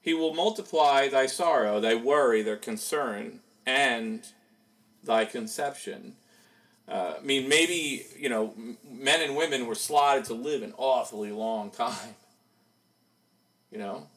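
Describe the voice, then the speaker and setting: A man's voice: mid-range voice, slow, fairly bright tone, poor audio. A man preaching a sermon in a conversational way, asking rhetorical questions as he goes.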